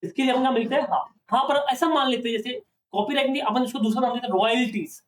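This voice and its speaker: A male accounting teacher lecturing a classroom, often pausing to ask students questions to check they follow. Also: very high voice, far from the mic.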